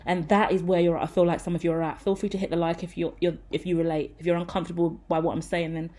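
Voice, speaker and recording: A woman's voice: lowish voice, flat delivery, fast, warm tone. A woman, giving a frank, rambling tarot reading straight to her viewers. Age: 30s. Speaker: tarot reader. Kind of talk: casual tarot reading to camera.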